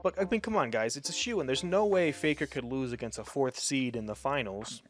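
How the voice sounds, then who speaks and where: A man co-hosting a podcast in casual chat, speaking haltingly with many starts and pauses. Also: mid-range voice, lively intonation, soft background music. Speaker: podcast co-host.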